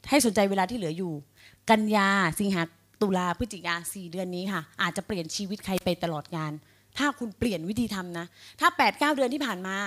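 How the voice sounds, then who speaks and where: A middle-aged woman giving a motivational speech at a sales agents' meeting, energetic and rallying, asking the audience questions. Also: medium pitch.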